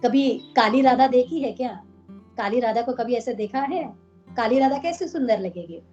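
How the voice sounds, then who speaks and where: A woman's voice: fairly high pitch, expressive, normal speed, dark tone, soft background music, voice pushed up, close to an everyday voice. A woman voicing a playful young goddess who teases and then coaxes her beloved, in a devotional story, on a dull lo-fi recording. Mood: teasing. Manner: teasing, coaxing.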